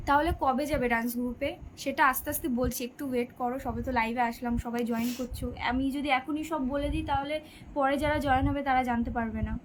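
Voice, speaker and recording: A woman's voice: high-pitched, fairly even intonation, fairly quick, a little hiss or hum, low-quality recording. A sixteen-year-old girl chatting on a live stream, reading out viewers' comments and answering their questions. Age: teenager, 16. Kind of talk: casual live-stream chat.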